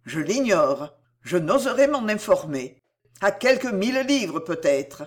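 A reader voicing a desperate, ruined man in an audiobook, speaking in a loud, impassioned way. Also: medium pitch, sing-song, a little slow. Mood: agitated. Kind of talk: audiobook reading.

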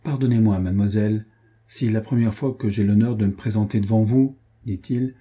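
A man's voice: lowish voice, steady tone, a little fast, mellow, husky. A man doing a solemn courteous nobleman. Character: grave young nobleman bearing bad news.

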